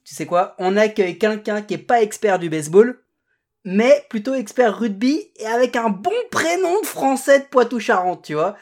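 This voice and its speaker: A man's voice: high voice, animated, moderate pace. A man co-hosting a podcast with playful, teasing banter in casual chat. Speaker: podcast co-host.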